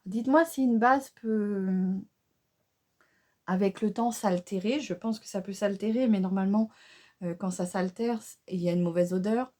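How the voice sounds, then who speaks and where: A woman talks her viewers through an improvised makeup look in a relaxed, mellow voice. She chats along with many fillers and little asides, hesitating over choices and asking the audience what they think. Her pitch sits in a middle range. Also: moderate pace. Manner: excited exclamations over the colors. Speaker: beauty vlogger. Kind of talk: casual makeup tutorial chat.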